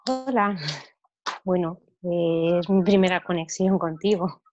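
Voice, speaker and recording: A woman from Madrid with a Spain Spanish accent speaks unhurriedly in a lowish voice, with the highs cut off. Taking part in a video call, she shares her thoughts hesitantly and reflectively, her sentences trailing softly at the ends.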